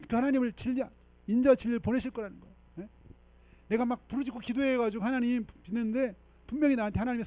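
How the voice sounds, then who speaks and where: A man preaching a sermon as pastor, animated and emphatic, often checking in with the congregation and leading them in reading scripture. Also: extremely high pitch, no echo, narrow, tinny audio. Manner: animated preaching with frequent rhetorical 'eung?' checks. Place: church sanctuary.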